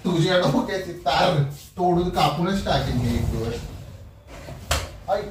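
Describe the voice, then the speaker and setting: A man's voice: on the high side, lively intonation, a little slow, noisy background. A man in a heated domestic argument, defending himself and pleading with his wife, recorded in an echoey room from a distance. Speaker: husband pulling a prank.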